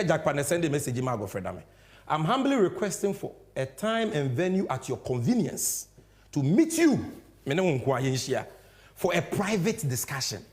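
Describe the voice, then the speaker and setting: A man with a Ghanaian accent giving impassioned political commentary, emphatic, swinging between loud and hushed. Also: fairly high pitch. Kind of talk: impassioned political commentary mixing English and Twi.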